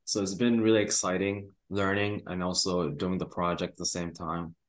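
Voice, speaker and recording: A young man from Rwanda with a very low, deep voice answers interview questions in a relaxed, halting way. He pauses often and leans on fillers as he talks. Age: young adult. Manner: hesitant, many "uh" and "like" fillers. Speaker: guest, university student.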